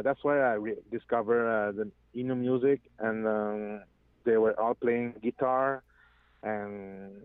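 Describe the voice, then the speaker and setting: Over a tinny phone line, a French-speaking guest singer hesitates through an interview in English, groping for words and restarting often. His voice sits on the low side, and the recording is dry.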